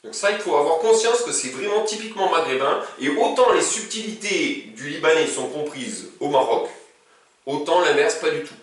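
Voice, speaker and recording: A man's voice: fairly high pitch, expressive, moderate pace, far from the mic. Chatty male teacher in an echoey room. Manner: casual and chatty, with conjugations recited in a row. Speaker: Arabic teacher. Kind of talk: informal language lesson. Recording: very echoey room, speaking from away from the mic.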